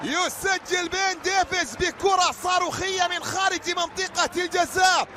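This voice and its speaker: A man giving excited live commentary on a football match. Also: extremely high pitch, normal speed. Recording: noisy stadium broadcast with crowd. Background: stadium crowd.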